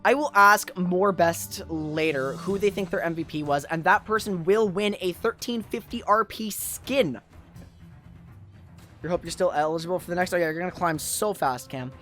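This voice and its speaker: After two days of talking, a tournament host and streamer caster is losing his voice. He chats casually and appreciatively with viewers on an esports livestream, his mid-range, fairly bright voice moving at normal speed over soft background music.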